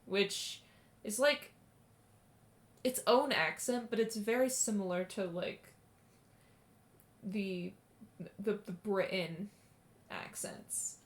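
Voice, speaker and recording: A woman's voice: mid-range voice, slow, long pauses, a little hiss or hum. A woman streamer giving casual, rambling watch-along commentary. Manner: rambling, chatty, trails off.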